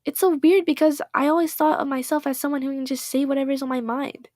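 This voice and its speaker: A woman livestreamer narrates a game and muses aloud about her own reading, self-conscious and casual. Her voice sits high, and the sound is close and dry. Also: fairly even intonation, fast, a little mellow, no echo. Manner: self-conscious, talks to herself. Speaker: streamer.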